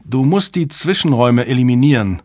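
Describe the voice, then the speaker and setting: A man's voice: medium pitch, animated, unhurried, no room sound, voice pushed up. A man reading an audiobook, voicing a clever young man who speaks decisively and firmly. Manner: decisive, firm. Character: calm clever young man guiding by monitor. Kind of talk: audiobook character voice.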